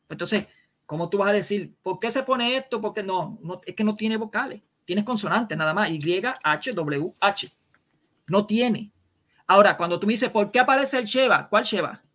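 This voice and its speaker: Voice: mid-range voice, fairly bright tone. Una persona con acento caribeño que debate sobre religión por videollamada, insiste, repite sus argumentos y lanza preguntas retóricas. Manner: insistent, repeats points and fires rhetorical questions.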